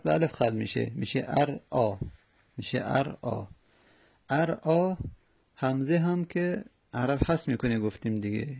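Gravelly, dark-voiced male grammar teacher. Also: medium pitch. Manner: slow methodical conjugation drilling with fillers. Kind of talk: Arabic morphology lesson in Persian.

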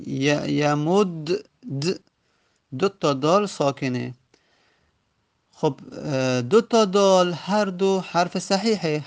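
A man gives a grammar lesson in a gravelly voice that sits a little high. He explains patiently and stretches out example words syllable by syllable so learners can follow. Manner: slow, drawn-out sounding of example words. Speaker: teacher.

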